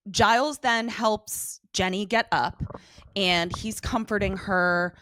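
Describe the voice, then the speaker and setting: A woman's voice: mid-range voice, slow pace, no echo, clean studio sound. A woman co-hosting a podcast, chatting casually and acting out character lines as she recaps. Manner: animated, acts out character lines. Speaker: podcast co-host.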